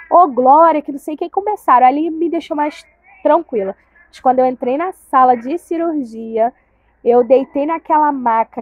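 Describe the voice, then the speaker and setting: A high-voiced woman tells a personal story to her viewers, acting out what everyone said with strong emotion. The sound is narrow and phone-like, with a dry, close feel. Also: no room sound. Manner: emotional, animated retelling with quoted dialogue. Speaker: vlogger telling her birth story.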